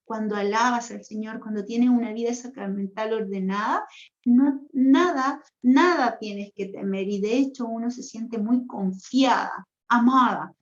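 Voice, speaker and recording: Woman, 60s, religious sister; higher-pitched, pleading prayer tone, echoey room. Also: unhurried. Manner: earnest and intimate, with pleading spoken prayers and rhetorical questions. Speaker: religious sister leading a healing retreat. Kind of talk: spiritual retreat talk. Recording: roomy, dull lo-fi recording.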